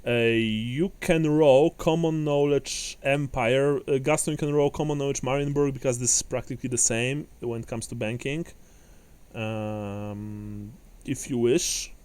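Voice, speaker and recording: A man's voice: medium pitch, steady tone, a little slow, darkish tone, clean tone. A man narrating as game master of a tabletop game, rambling with many fillers and restarts.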